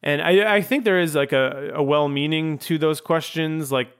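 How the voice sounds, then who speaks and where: A man's voice: a little high, moderate pace, clean tone. A man hosting a podcast, talking casually and rambling with many ums and restarts. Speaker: podcast host. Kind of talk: casual interview chat.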